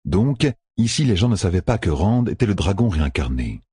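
A man narrating a fantasy audiobook in an expressive, storytelling manner, close to the mic. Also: sits low, fast, husky, dry recording.

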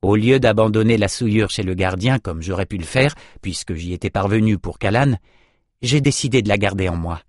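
A man reading an audiobook, voicing a calm, self-assured male hero who explains things in a matter-of-fact, wry way. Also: on the low side, brisk, no echo, clean studio sound, close to an everyday voice.

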